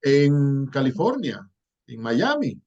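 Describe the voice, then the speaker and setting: A man's voice: medium pitch, very animated, slow pace, a little mellow, muffled recording. A man giving an online lecture over a video call, digressive and full of fillers and self-corrections. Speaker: Spanish language history lecturer.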